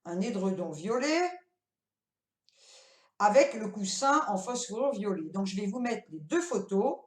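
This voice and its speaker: A woman's voice: medium pitch, darkish tone. Chatty older woman in an echoey room. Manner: chatty and rambling, many fillers and "voilà". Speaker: vlogger. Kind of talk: casual shopping haul vlog. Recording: roomy echoey room sound.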